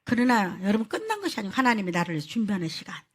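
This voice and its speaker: A woman pastor preaching a sermon, telling stories in an animated way and addressing the congregation directly. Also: medium pitch, racing, slightly rough.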